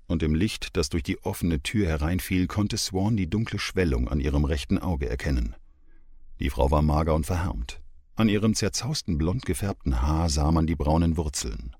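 A man narrates an audiobook with a very low, husky voice. His reading moves lively up and down in pitch. The sound is close and dry, with no room echo.

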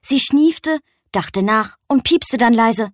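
Expressive woman reading a children's story. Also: a little high, slow pace, no echo, clean studio sound. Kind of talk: children's story read aloud.

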